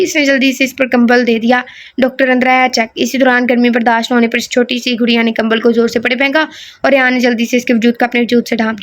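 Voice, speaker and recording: A woman narrating a romance audio novel in a high voice. She reads at an even pace and slips into casual, joking asides. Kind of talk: reading a romance novel aloud.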